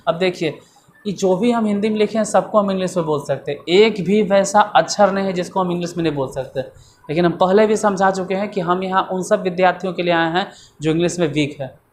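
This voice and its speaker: A man's voice: high voice, fairly quick, a little hiss or hum. A man teaching English grammar in a classroom lesson, repeating points and asking and answering his own questions.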